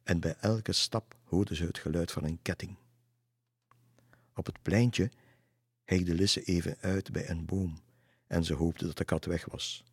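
A man narrating a spooky children's story in an expressive, suspenseful way. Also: deep voice, measured pace, long pauses, breathy edge, no room sound, clean studio sound.

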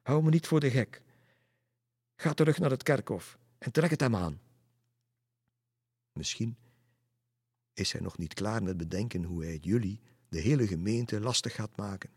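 A man's voice: sits low, moderate pace, breathy edge. A man voicing an agitated parish priest in a storybook reading. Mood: urgent.

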